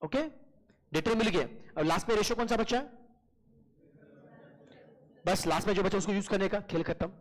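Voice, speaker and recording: A man with a high voice teaches accountancy in an online class. He keeps asking his students short questions and answers them himself. He calls them "beta" in a familiar way. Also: normal speed, pauses often, low-quality recording.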